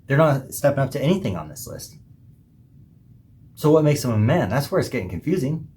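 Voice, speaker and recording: A man hosting a podcast, giving an emphatic, preachy monologue with pauses between phrases. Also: mid-range voice, big pitch swings, darkish tone. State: hiccuping. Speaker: podcast host. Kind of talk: opinionated monologue.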